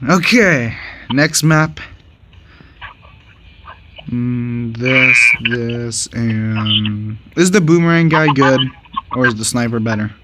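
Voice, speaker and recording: A man giving casual, excitable commentary while playing a game with a friend, laughing and trash-talking his opponent. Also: mid-range voice, slow, long pauses, background noise. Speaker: gaming channel host.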